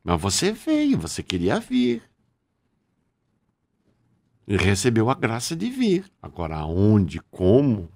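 A man's voice: fairly low pitch, huge pitch swings, slow pace, creaky, long pauses, a little mellow. An older man, an actor, chatting as a podcast guest in a frank, bawdy way. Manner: frank and bawdy, says "bicho" a lot. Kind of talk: candid podcast chat.

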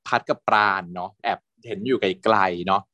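A man chatting casually with a co-host, recapping a TV drama in an animated way, laughing often. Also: sits low, normal speed, no room sound, muffled recording. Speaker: podcast co-host.

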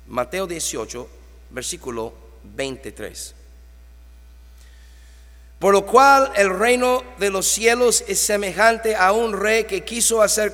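A man with a high voice delivers a sermon from the pulpit. He reads scripture aloud and his volume swells and drops as he preaches. The sound rings out with a long reverb from the hall. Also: fairly bright tone. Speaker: pastor.

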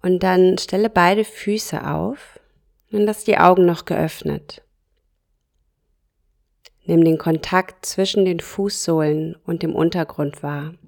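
Speaking in a gravelly, fairly low voice, a woman leads a yoga nidra meditation softly and calmly. Her delivery is very slow, short phrases spaced out by long pauses.

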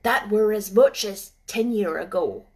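A woman voicing a gruff, grumbling old male gardener with a put-on in an audiobook. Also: mid-range voice, a little slow, close to an everyday voice. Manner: gruff, grunting, clipped old-fashioned speech. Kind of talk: audiobook character voice.

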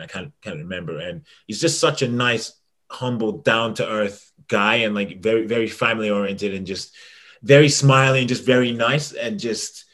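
A young man with a lowish voice chats on a podcast about fighters. He talks excitably and keeps tripping over repeated words as his enthusiasm runs ahead of him. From England. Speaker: MMA journalist and podcast panelist. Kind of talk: casual podcast chat.

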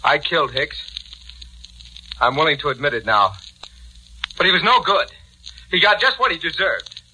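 A desperate condemned murderer. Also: male voice, a little high, animated, moderate pace, sharp tone, slight background noise, poor audio. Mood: defiant. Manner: pleading, then vengeful and bitter. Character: condemned young male murderer, bitter and desperate. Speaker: prisoner. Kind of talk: 1940s radio acting.

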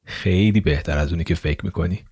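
A man's voice: low-pitched, a little mellow, slightly rough, no echo, clean studio sound, voice pushed down. A man voicing a sly, middle-aged intelligence officer who answers in a guarded, evasive way.

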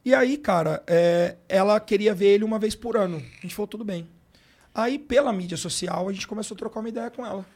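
A Brazilian Portuguese-accented man, a sports coach appearing as a podcast guest, tells a personal story in casual, slangy speech. His voice is high, brisk and darkish in tone, and he gets emotional, leaning often on fillers like "cara" and "brother."

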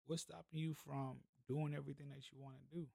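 A man's voice: fairly high pitch, level tone, fast talker, vocal fry, dark tone, no room sound. A man, telling a motivational story in a casual, slangy way as a podcast host. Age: 30s. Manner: laid-back, conversational, slangy.

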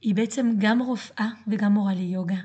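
A woman from France with a French accent and a slightly hoarse voice, speaking earnestly in a reflective, intimate podcast monologue as the host. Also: medium pitch, mellow.

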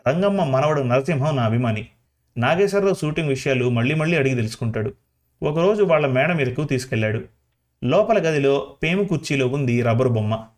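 A man's voice: medium pitch, animated, a little fast, lightly acted. A man doing a boastful village gossip. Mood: proud. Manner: boastful, showy storytelling. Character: boastful small-town male gossip, middle-aged.

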